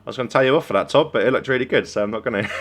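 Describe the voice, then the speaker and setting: A man's voice: mid-range voice, fairly bright tone. A young man coaching a team while reviewing a game replay, encouraging and conversational. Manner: encouraging, conversational, praises plays. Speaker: esports coach.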